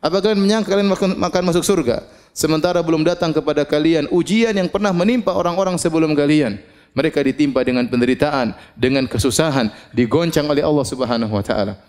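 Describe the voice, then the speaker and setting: Male preacher, measured sermon. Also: fairly high pitch, a little mellow. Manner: measured preaching with frequent "ya" fillers, recites Arabic verses. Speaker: Islamic preacher.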